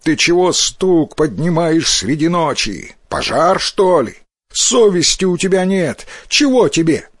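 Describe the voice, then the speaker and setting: A man voicing a sleepy, grumpy old toymaker who is kind underneath, gruff and scolding. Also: on the high side, very animated, unhurried, dry recording, clean studio sound, pitched above the performer's own voice, full character voice. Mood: angry.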